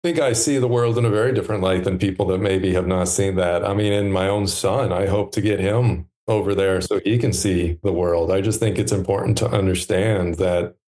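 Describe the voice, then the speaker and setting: A man in his thirties, a podcast guest talking in a relaxed, reflective way with many pauses and fillers. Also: sits low. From United States. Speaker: podcast guest, stand maker. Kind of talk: relaxed conversational interview.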